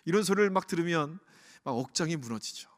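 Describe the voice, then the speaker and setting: Male pastor, earnest sermon delivery that questions the congregation, slightly raised pitch, long church reverb. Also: animated, fast talker. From Korea. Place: church sanctuary.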